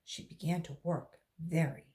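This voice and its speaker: With a deep voice, a volunteer woman from West Virginia tells a children's book aloud at a slow pace, full of expression.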